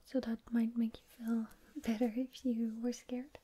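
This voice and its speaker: Woman whispering asmr, super soft n mellow, breathy, reading stories and chatting casually, no rush. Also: a little high, level tone, a little slow.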